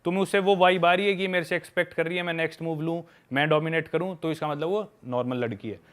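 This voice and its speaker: Young man, slightly high voice, casual podcast storyteller, candid and chatty. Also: fast talker, fairly bright tone, clear, resonant tone. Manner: candid storytelling, calls listeners "bhai". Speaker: podcast guest sharing travel stories.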